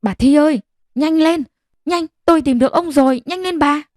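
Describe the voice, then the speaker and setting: A woman voicing a middle-aged rickshaw puller who shouts breathlessly and urgently in an audiobook. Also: high voice, normal speed, dry recording, clean studio sound, voice pushed up, close to an everyday voice. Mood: frantic.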